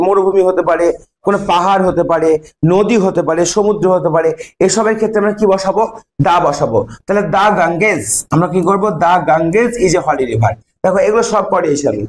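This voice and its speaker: A man teaches English to young pupils. He asks questions, answers them himself, and reads English sentences slowly before translating them. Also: high voice. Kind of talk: classroom lesson in Bengali.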